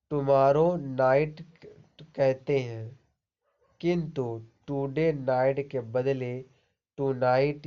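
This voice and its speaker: Man, English grammar lesson, unhurried delivery, dark tone, frequent check-ins. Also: medium pitch, highs cut off. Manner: explains slowly, reads example sentences aloud, keeps asking "ठीक है?". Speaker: English teacher.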